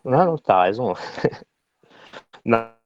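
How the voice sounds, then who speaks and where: A man's voice: medium pitch, lively intonation, drawn-out words, a crowd in the background. A man talking on a phone call whose bad reception breaks up, his words cut off mid-sentence. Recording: muffled lo-fi phone line.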